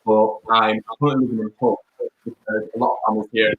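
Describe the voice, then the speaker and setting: A man's voice: fairly low pitch, little pitch movement, quick pace, narrow, tinny audio. A young man, chatting upbeat and rambling as a DJ guest on a video call. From Leeds, England. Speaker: DJ and music producer guest. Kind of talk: casual interview chat. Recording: echoey room over video call.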